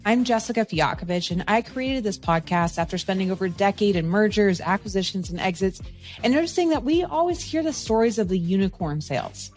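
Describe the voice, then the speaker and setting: A woman hosting a business podcast, reading scripted intros and asking quick, upbeat follow-up questions. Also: medium pitch, expressive, a little mellow, soft background music. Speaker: podcast host. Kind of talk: reading ad copy and interviewing.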